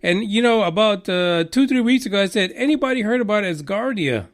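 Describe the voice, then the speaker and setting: Speaking a little fast with lively intonation and a voice that sits high, a man from Texas hosts a radio news show full of rambling mockery, swearing and filler words.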